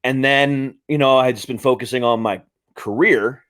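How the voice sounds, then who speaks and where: A man in his late thirties keeps a casual interview chat going on his podcast, wandering through his points with many fillers and restarts. His medium-pitched voice is steady, smooth and slightly bright, moving at a moderate pace.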